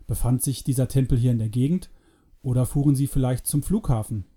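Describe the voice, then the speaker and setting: A man narrating an adventure story in a calm, measured audiobook reading. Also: medium pitch, breathy edge.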